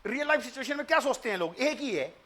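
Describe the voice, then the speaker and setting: An Indian math teacher with an unusually high voice walks students through a statement step by step. His tone is bright and forceful. He repeats his points and keeps asking the class questions, moving between Hindi and English as he goes. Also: lively intonation, fast. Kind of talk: online demo math lecture.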